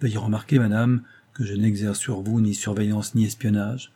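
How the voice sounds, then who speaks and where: A stern doctor lectures in a cold, cutting, ironic way, as a male reader does him. His voice is dark and husky. It is a storybook dialogue read aloud. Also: lowish voice, little pitch movement, moderate pace.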